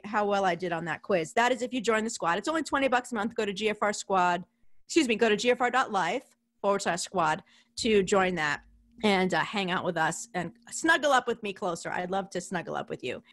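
A woman's voice: on the high side, a bit bright. Chatty, laughing woman podcast host. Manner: chatty, swears casually, laughs often. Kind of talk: casual podcast interview.

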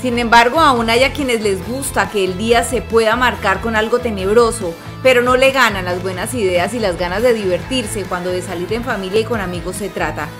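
Woman, news voice-over, upbeat read, clear music underneath. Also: medium pitch, brisk, hardly any pauses. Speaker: news reporter. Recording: music bed behind voice-over.

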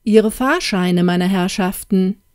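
A woman's voice: medium pitch, takes it slowly, darkish tone, no echo, studio quality, lightly acted. Brief: brusque male train conductor, read by a woman, clipped lines. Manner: brusque, short.

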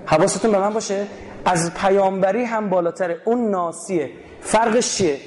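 A man from Iran giving an animated religious lecture to a live audience, asking rhetorical questions and explaining words one by one. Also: high voice, a little hiss or hum. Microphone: recording his own lecture.

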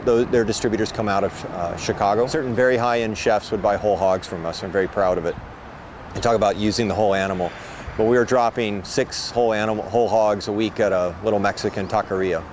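A middle-aged man, a meat producer, giving steady, thoughtful interview answers outdoors. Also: on the low side. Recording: outdoor street noise.

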